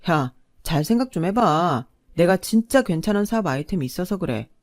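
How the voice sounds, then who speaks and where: A scornful, pushy young husband in an audio story drama, sneering and nagging with a loud, slightly raised voice, as a woman narrator puts him on. He sounds sure of himself and scolds rather than asks. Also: fairly low pitch, lively intonation, fairly quick, dry recording, clean studio sound, lightly acted.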